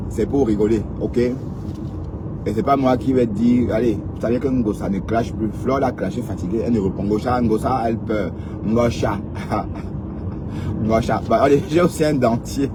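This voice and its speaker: A man's voice: on the low side, steady tone, moderate pace. A man chatting casually to live-stream viewers, teasing and joking, repeating words and tagging his lines with little asides. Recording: outdoor mic with loud street noise. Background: passing cars and street noise.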